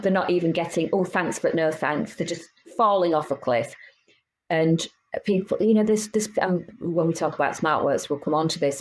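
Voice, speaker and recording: In her fifties, this business owner speaks as a podcast guest, frank and animated, with many restarts in casual interview chat. Her voice is deep, and the recording is rough.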